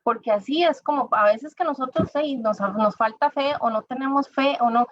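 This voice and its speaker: A woman with a high-pitched voice, at normal speed, gives an informal sermon as a church speaker, talking conversationally and addressing listeners directly. The recording is dull, dry and lo-fi.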